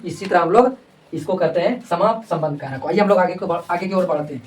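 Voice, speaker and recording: A woman's voice: fairly low pitch, quick pace, darkish tone. A woman teacher leading a classroom grammar lesson, asking questions over and over and having pupils repeat answers. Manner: repetitive call-and-response questioning. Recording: voice distant from the mic.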